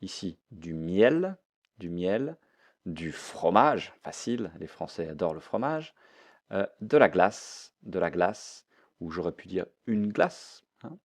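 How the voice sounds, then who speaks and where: A man's voice: sits low, sing-song, takes it slowly. A man teaching a French vocabulary lesson, repeating each word and mixing in English explanations.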